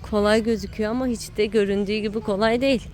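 Rapid-fire and fairly even in intonation, a woman with a mid-range, slightly mellow voice gives casual, playful commentary while filming a child at a playground outside. She encourages and teases the child, and the home-video audio is noisy.

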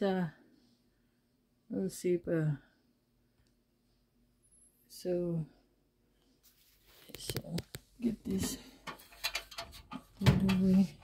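Lady vlogger in her basement, low mellow voice, kinda halting, stops to find words. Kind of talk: casual home tour chat. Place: basement at home.

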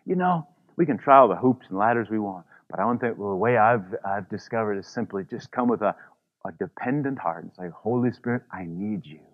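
A man's voice: fairly low pitch, expressive, a little fast, narrow, tinny audio. A man preaching a sermon as pastor, in an easygoing, conversational way, full of "you know" asides.

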